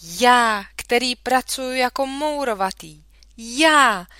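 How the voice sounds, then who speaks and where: Woman putting on a loud blustery fed-up dad, bright voice, storybook style. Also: fairly high pitch, lively intonation, smooth, dry recording, voice pushed up. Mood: blustering. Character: exasperated harried father, blustering.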